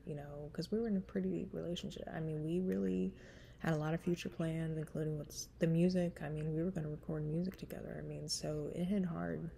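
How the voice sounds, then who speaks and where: A singer vlogger in her thirties chats casually before a cover song, talking frankly, rambling and laughing into a webcam in a small room. Her voice is smoky, husky and low with a dark tone, and she sounds stuffy-nosed. A little hiss or hum is audible.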